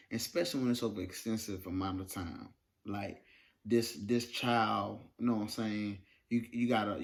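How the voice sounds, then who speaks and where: A man co-hosting a casual relationship talk show, speaking earnestly and conversationally. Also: lowish voice. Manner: earnest, conversational, uses many fillers. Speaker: podcast co-host. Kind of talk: casual chat.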